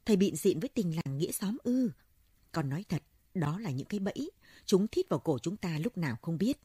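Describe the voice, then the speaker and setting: An insistent young soldier, played by a woman narrator, presses hard with urgent, raised lines. The husky, dark voice keeps a dry close sound. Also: on the low side, very animated, brisk, no echo.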